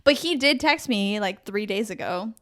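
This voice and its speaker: A woman's voice: medium pitch, expressive, moderate pace, a bit bright, a little hiss or hum. A young adult woman co-hosting a podcast, telling stories in rambling casual chat, often laughing and correcting herself. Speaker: podcast co-host.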